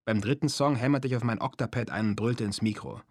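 A man's voice: mid-range voice, fast talker, no room sound. A man reading a first-person story as an audiobook, with a dry, self-mocking manner. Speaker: narrator. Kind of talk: audiobook narration.

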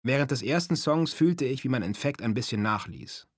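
A man's voice: mid-range voice, lively intonation, normal speed, no room sound. A man reading a first-person story as an audiobook, with a dry, self-mocking manner. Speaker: narrator. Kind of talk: audiobook narration.

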